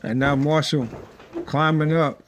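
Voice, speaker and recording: A man's voice: on the high side, steady tone, measured pace. A man working as a wrestling commentator, giving live play-by-play and repeating himself as he calls the moves. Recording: clearly noisy recording with clicks.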